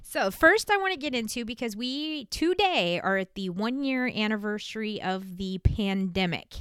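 A woman's voice: medium pitch, lively intonation, moderate pace, a bit bright, clear, resonant tone, no room sound, clean studio sound. A woman hosting a casual podcast, interviewing her wife in a playful, teasing way. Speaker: podcast host.

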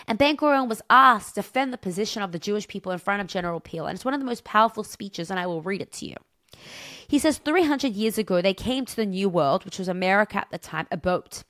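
A woman teaching Torah gives a weekly portion talk, speaking fast at a medium pitch with lively intonation in a dry recording. She is impassioned and emphatic, using rhetorical questions and storytelling, and swings dramatically between stressed and hushed phrases.

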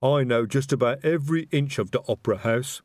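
Detritus, a man doing a slow, earnest troll. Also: medium pitch, a little mellow, no room sound, lightly acted. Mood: airy. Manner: slow, ungrammatical, plodding explanation. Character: big slow-witted male troll, earnest and boastful.

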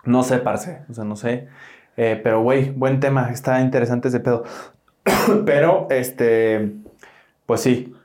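A man's voice: mid-range voice, steady tone, a little slow, pauses often, a little mellow. A young man with a Mexican accent co-hosting a casual podcast, talking in loose slang and swearing casually. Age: young adult. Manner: slangy, swears casually, says "güey" often. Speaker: podcast co-host.

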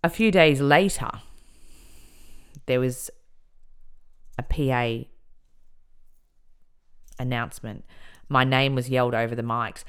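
A woman telling a personal story on a podcast, emphatic and animated as she recounts events. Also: a bass voice, slow, long pauses, clean tone.

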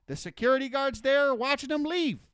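A man on a podcast reading out a listener's story in a halting, filler-heavy way, full of "uh" and "you know.". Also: very high-pitched, fairly bright tone, dry recording, studio quality. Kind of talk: casual podcast chat, dramatized story reading.

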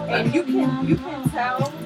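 A woman's voice: high voice, measured pace, distant mic, over loud music. A woman with a Queens, New York accent chatting casually and emphatically as a guest. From Queens, New York City. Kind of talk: casual chat.

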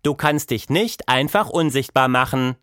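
A man's voice: mid-range voice, expressive, moderate pace, a bit bright, no echo, studio quality, voice pushed up, natural voice. A man voicing a patient, sensible young girl in a storybook, explaining the rules of a game. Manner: explaining rules, firm but friendly. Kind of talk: storybook audiobook voice.

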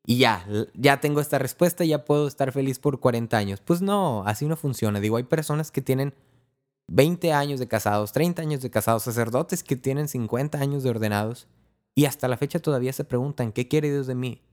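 A man's voice: mid-range voice, a little fast, darkish tone. Conversational man on faith. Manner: conversational, acts out little prayers and dialogues. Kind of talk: casual spiritual talk.

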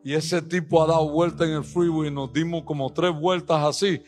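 A man preaching a sermon, telling stories and building up to loud exhortation, with English phrases mixed into his Spanish. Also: steady tone, moderate pace, soft background music. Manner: storytelling, swings from low asides to loud rising exhortation.

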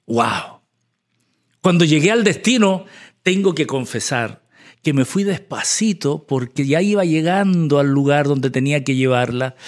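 A man preaching a storytelling sermon, emphatic, swinging between loud exclamations and soft asides. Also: on the high side.

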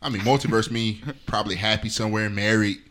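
A man's voice: on the low side, little pitch movement, fast talker, fairly bright tone. A man co-hosting a podcast, joking around with friends in casual banter and laughing often. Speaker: podcast co-host.

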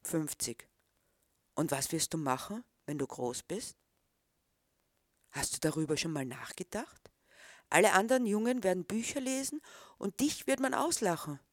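A woman's voice: lowish voice, lively intonation, moderate pace, long pauses, no room sound, studio quality. A woman reading the part of a disapproving middle-aged man who questions a boy. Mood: stern.

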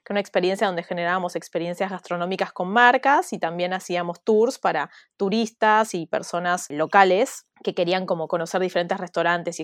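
A woman, speaking as an interview guest. She tells her stories with animated energy and breaks into laughter now and then. Her voice sits at an ordinary middle pitch and sounds dry and close, with no room echo. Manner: animated, vivid retelling with frequent laughs. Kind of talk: casual storytelling in an interview.

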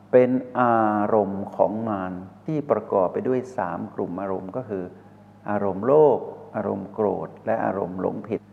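A man giving a slow, measured dharma talk as a spiritual teacher, posing rhetorical questions to listeners. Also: fairly low pitch, creaky. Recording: reverberant hall over a tinny phone-like line.

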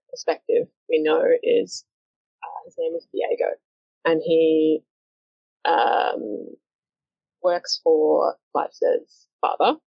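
Gravelly-voiced woman narrating a story game. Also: lowish voice, darkish tone, dry recording. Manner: chatty, filler-heavy, hesitant. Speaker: game master. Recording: dull, lo-fi and dry.

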